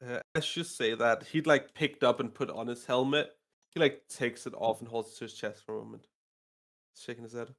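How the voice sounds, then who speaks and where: A man running a tabletop game at an ordinary, medium pitch. He narrates loosely and teases his players, with plenty of "uh" and "like" along the way. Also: a little fast. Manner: loose, teasing, filler-heavy. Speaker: game master.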